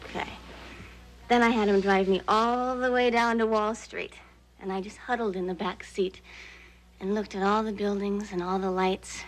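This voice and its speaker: An actress playing a playful young stage actress. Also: female voice, medium pitch, fairly even intonation, normal speed, close to an everyday voice, low-quality recording. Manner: playful, storytelling. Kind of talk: 1980s daytime soap acting.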